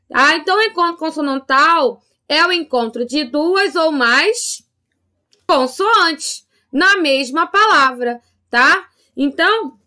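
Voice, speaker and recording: A woman's voice: sits high, sharp tone. A woman with a Brazilian Portuguese accent teaching a grade-school class in a recorded remote lesson, speaking patiently and checking in often with her pupils. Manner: slow, patient teacher talk with frequent "tá?" check-ins.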